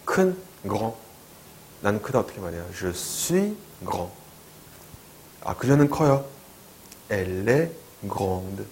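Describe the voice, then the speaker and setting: Slow, patient low-voiced male teacher. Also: very animated, darkish tone, a little hiss or hum, low-quality recording. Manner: patient, repeats words slowly for learners. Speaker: French teacher. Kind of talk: video lecture.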